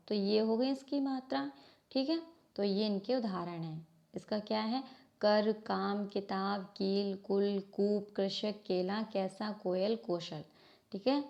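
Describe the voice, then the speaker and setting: A woman's voice: medium pitch, gravelly, mellow, highs cut off. A woman teacher giving a grammar lesson from a textbook, asking her class questions and answering them herself, sounding out letters one by one. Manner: slow, spelled-out reading of letters.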